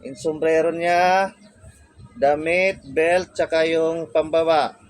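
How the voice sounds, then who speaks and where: A man's voice: a little high, fairly even intonation, slow pace, no echo. A man casually showing off costumes for sale, chatty and repetitive, correcting himself as he goes. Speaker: online seller showing costumes. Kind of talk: casual product showcase vlog.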